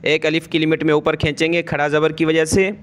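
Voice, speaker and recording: A man teaching Quran reading, spelling each syllable by its letters and vowel marks, then reciting the word slowly, with brisk explanations in between. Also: on the high side, completely flat delivery. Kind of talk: step-by-step Quran reading lesson.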